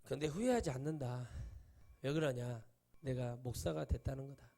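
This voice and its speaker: A middle-aged man preaching a sermon as a pastor in a church, telling stories in casual speech, acting out the voices of people he quotes and breaking into sudden loud bursts. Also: mid-range voice, normal speed, vocal fry. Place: church sanctuary.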